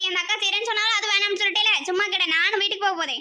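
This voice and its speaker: Shrill scolding cartoon big sister, voiced by a woman. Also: steady tone, rapid-fire, heavy background noise. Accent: southern Tamil. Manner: scolding, nagging. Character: bossy scolding elder sister, village woman. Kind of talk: cartoon voice acting.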